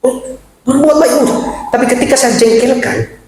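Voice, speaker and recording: A man preaching a sermon to his congregation in a chatty, animated way, addressing them directly and laughing along with them. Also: very high-pitched, moderate pace. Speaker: pastor. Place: large echoey church hall. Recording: echoey church hall, faint hiss.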